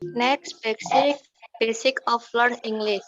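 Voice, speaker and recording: Young woman reading slowly and carefully. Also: a little high, fairly even intonation, highs cut off, noisy background. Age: young adult. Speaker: student presenter. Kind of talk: reading a class presentation.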